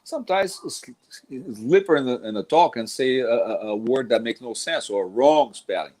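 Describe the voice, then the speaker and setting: Expressive and a little mellow, this mid-range male voice moves at a moderate pace. The speaker, a middle-aged jiu-jitsu instructor from Brazil with a Brazilian Portuguese accent, wanders through casual talk about teaching, often restarting and repeatedly saying "man."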